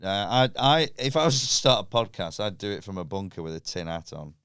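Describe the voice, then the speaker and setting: A man's voice: fairly low pitch, a little fast, fairly bright tone, smooth, no echo, clean studio sound. A man chatting casually on a podcast as a guest comedian, swearing freely and laughing often.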